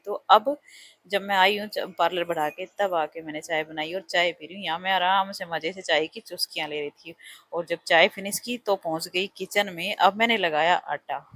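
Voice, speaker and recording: A middle-aged woman who runs a parlour and is raising her son chats over her cooking vlog, speaking straight to viewers with casual, self-mocking humour. Her voice is medium-pitched and a bit bright, with no echo.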